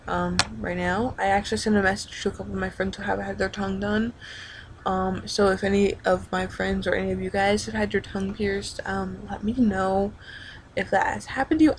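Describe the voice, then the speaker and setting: Creaky-voiced young woman chatting casually. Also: medium pitch, slight background noise, poor audio. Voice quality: creaky vocal fry. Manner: rambling, halting, informal with frequent backtracking. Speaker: vlogger. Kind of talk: casual chat video diary.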